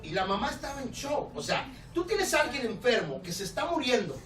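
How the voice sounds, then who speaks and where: A man with a Mexican accent preaching a storytelling sermon as a pastor, animated and laughing, acting out the people in his story. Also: very high-pitched, a little fast. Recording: roomy, distant church recording with background noise.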